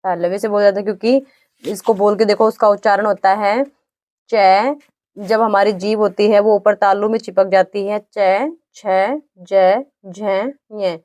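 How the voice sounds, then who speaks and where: A woman teaching an exam-prep grammar lesson, patiently repeating definitions and sounding out each letter slowly. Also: mid-range voice, little pitch movement, darkish tone, dry recording.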